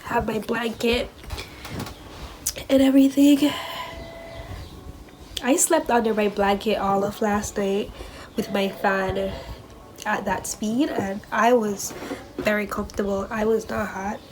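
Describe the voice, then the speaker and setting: A woman's voice: medium pitch, flat delivery, slow pace, long pauses, background noise. A young woman talking casually as a vlogger, her nose stuffed up, chatty and candid about being stressed. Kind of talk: casual vlog chat.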